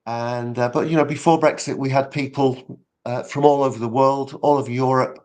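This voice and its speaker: A man's voice: medium pitch, fairly even intonation, normal speed, darkish tone. A man who coaches public speaking, answering in an earnest, conversational way with everyday examples, fillers and restarts, over a video call.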